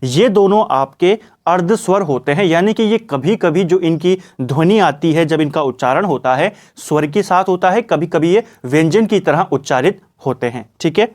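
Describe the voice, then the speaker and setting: A man's voice: on the high side, animated, normal speed, hardly any pauses, a little mellow. A young man teaching an exam-prep grammar lesson, explaining step by step and often reminding students what to remember. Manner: explanatory, repeats "ठीक है" and "ये आपको याद रखना है".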